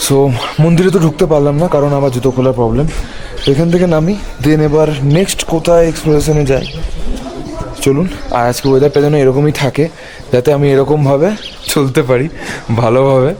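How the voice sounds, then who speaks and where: A man's voice: a little high, steady tone, fairly quick, dark tone, low-quality recording. Chatty man vlogging on a motorbike trip. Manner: chatty, mixes English words into speech. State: somewhat out of breath. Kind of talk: casual vlog narration to camera. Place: outdoors at a hilltop monastery.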